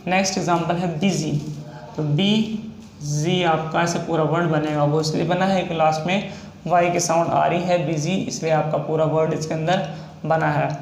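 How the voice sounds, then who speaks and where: A man with a Hindi accent, a shorthand teacher, explaining a lesson and slowly spelling out example words one by one. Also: a little high, fairly even intonation. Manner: slow, repetitive, drawn-out spelling of example words. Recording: echoey room with faint noise.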